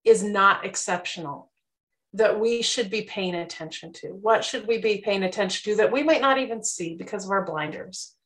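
A woman's voice: mid-range voice, moderate pace, rough recording. A middle-aged woman moderating a video call, asking a reflective question with thoughtful hesitations. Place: bedroom at home. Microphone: webcam on a video call.

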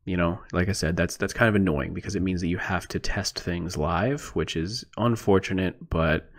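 A man giving a casual screencast lesson as an instructor, thinking aloud in a relaxed way with many fillers. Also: deep voice, moderate pace. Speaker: programming instructor. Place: indoors at a computer, voice-over on screen recording.

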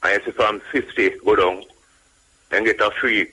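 A Jamaican man speaks as a casual radio caller. His voice is low, rough and forceful, and he makes his points emphatically, repeating himself with frequent tag phrases. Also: steady tone, normal speed, low-quality recording. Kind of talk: casual call-in talk.

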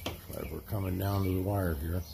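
Casting: male home-vlog host, low creaky voice, casual chat, recorded outside with birds and ambient noise. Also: fairly even intonation, brisk. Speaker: giveaway host filming behind the camera. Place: outdoors at a driveway table.

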